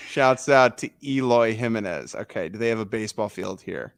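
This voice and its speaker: A man's voice: lowish voice, animated, a little slow, gravelly, no room sound, clean studio sound. A man chatting casually as a guest, making joking, punning asides. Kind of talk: casual chat.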